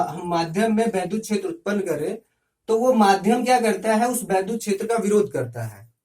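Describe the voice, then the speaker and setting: A man's voice: high voice, a little mellow, recorded from a distance. Man teaching physics from off the mic. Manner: explains step by step, often checks in with "ठीक". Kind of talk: classroom lecture.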